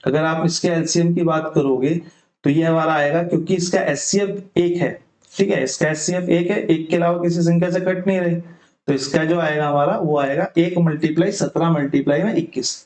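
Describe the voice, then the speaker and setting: High-voiced man teaching maths, echoey. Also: a little mellow. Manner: explains step by step, mixes English terms into Hindi; often checks in with "ठीक है". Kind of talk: exam-prep maths lesson.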